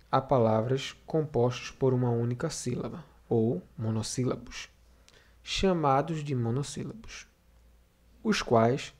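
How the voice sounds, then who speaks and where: A man's voice: on the high side, dark tone. A man teaching a Portuguese grammar video lesson to sixth graders, explaining step by step with recaps and frequent fillers.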